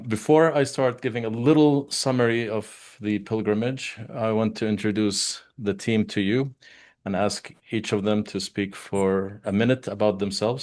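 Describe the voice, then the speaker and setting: Low-voiced man hosting a video call. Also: darkish tone. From Palestine. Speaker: host of an online Q&A call. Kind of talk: casual welcome on a video call.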